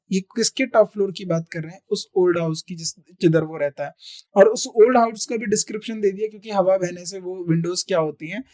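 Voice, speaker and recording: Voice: medium pitch, a little mellow. Teacher drilling grammar through questions. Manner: asks the class questions and answers them; reads English example sentences out slowly. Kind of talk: exam-prep grammar lesson.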